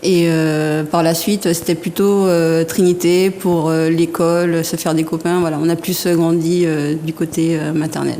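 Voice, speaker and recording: Soft-spoken woman in her thirties, reverberant room. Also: low voice, flat delivery, normal speed, hardly any pauses. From Martinique. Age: 30s. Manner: soft-spoken, laughs often, many hesitations. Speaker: guest artisan and interior decorator. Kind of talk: casual interview talk. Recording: reverberant room with faint background noise.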